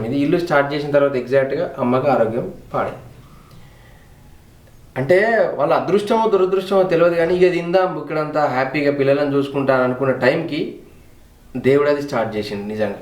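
In an echoey room, a man with a medium-pitched voice and a Telangana Telugu accent tells his family's story during a home tour. He's a vlogger speaking in a heartfelt, reflective way, repeating words for emphasis.

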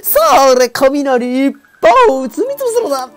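A woman's voice: sits high, sing-song, a little mellow, soft background music, pitched above the performer's own voice. A woman putting on a pompous scheming male teacher. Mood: grandiose. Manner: grandiose, slow, self-important declarations.

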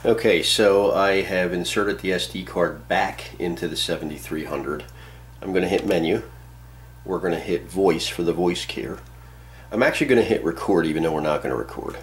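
With a deep voice and moderate pace, this amateur radio operator gives a casual, plainly explained step-by-step tutorial. He's indoors at his radio and computer desk, and there's slight background noise.

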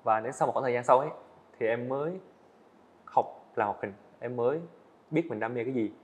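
A middle-pitched young adult man, appearing as a student animator guest, gives quick, earnest, casual interview answers and redoes sentences as he goes. The recording is a bit dull and lo-fi, like a podcast studio set.

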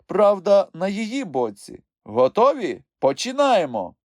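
Woman playing a pompous creature judge, male, stern, clipped, raised and loud, dry close mic. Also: mid-range voice, sing-song, measured pace, dry recording, pitched above the performer's own voice. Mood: officious.

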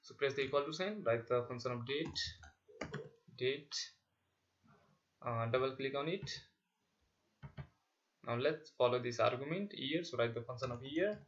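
Male tutorial instructor, slow delivery, dictating in short halting phrases, dull lo-fi screen-recording voice-over. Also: medium pitch. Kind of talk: step-by-step software tutorial narration. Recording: dull, lo-fi sound with clicking.

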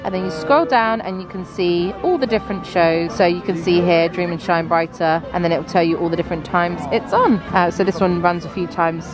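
A woman's voice: on the low side, brisk, few pauses. A woman in her thirties chatting casually and explaining things as she films herself outdoors at a theme park. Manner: chatty, upbeat, tour-guide explaining. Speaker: vlogger. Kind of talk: casual travel vlog chat. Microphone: handheld camera at arm's length. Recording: outdoor camera audio with loud music and crowd. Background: loud music and crowd.

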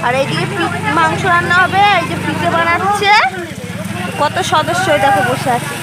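A woman giving excited running commentary on a family cookout outdoors, filmed on a phone with people chatting around her. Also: very high-pitched, moderate pace, over a noisy crowd, very noisy. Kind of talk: casual vlog narration.

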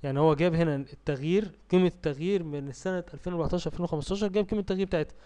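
A man with an Egyptian Arabic accent teaching a spreadsheet tutorial over a screen recording, reading English task steps slowly and asking himself questions as he clicks through. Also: fairly high pitch, dark tone. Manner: asks and answers his own questions while clicking through steps; reads English task text slowly, then explains. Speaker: software tutor.

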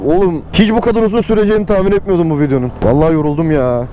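Fast, high-voiced man talking inside a helmet. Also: steady tone, dark tone. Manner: colloquial, exclamatory, complaining aside to viewers. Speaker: motovlog host. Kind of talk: casual vlog chat while riding a motorcycle. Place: inside a helmet, outdoors on a motorcycle in city traffic. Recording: motor and road noise, inside-helmet sound.

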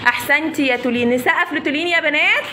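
A woman's voice: high voice, racing. A young woman with an Egyptian Arabic accent teaching young pupils in a classroom, prompting and praising them by name. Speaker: primary school teacher. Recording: noisy classroom ambience.

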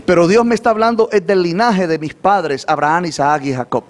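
A man's voice: high-pitched, fairly quick. A man preaching a sermon in Spanish, often asking the congregation to repeat after him and answer his questions. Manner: asks the congregation for call-and-response, repeats questions. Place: church or studio, livestreamed.

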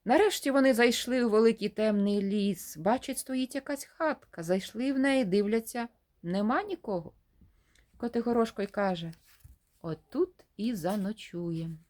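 A woman's voice: fairly high pitch, normal speed. A woman retelling a folk tale aloud, acting out each character's lines with a raised voice. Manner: animated, acts out dialogue with raised voice. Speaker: storyteller.

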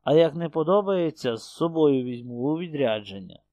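A man's voice: on the high side, expressive, normal speed, warm tone, dry recording, highs cut off, close to an everyday voice. A stern young husband speaks curt and cold, clipping his words, as the male reader voices him. The recording is dry and close.

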